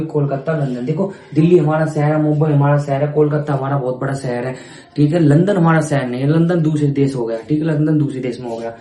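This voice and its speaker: A male teacher walks through exam-prep reasoning questions, repeating each item slowly and checking in with his viewers again and again. His voice sits a bit high but sounds dark and mellow. The room around him is echoey. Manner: repeats items aloud, keeps asking "ठीक है".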